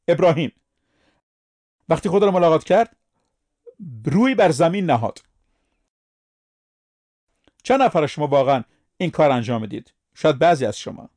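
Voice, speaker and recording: A man's voice: a little high, darkish tone. A man preaching a sermon, speaking emphatically and putting questions to his listeners.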